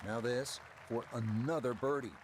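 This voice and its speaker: A man voicing a golf commentator in a video game, giving measured, descriptive play-by-play in a broadcast style. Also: medium pitch, fairly even intonation, background noise, natural voice. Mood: measured, admiring. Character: polished male golf broadcast announcer calling a round.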